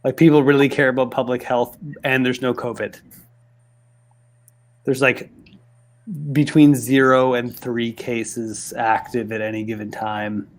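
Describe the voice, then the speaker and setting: A man running a tabletop game over a video call from home, talking fast with many restarts and fillers. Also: mid-range voice, little pitch movement. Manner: quick, halting talk with many restarts and fillers. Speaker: game master. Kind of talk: casual chat and game narration on a live stream. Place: home in Halifax.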